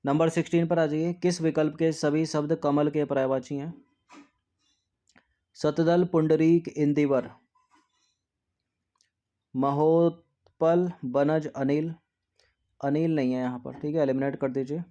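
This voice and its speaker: A man teaching an exam practice lesson, repeating words to drill spelling, often dropping to a soft low aside after each answer. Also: fairly even intonation, measured pace, pauses often.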